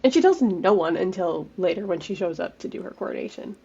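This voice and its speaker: A woman's voice: lowish voice, animated, fairly quick, gravelly, dark tone, lo-fi sound, slight background noise. A young woman co-hosting a podcast, eagerly retelling book scenes and quoting characters' lines. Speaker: podcast co-host. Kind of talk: casual book discussion.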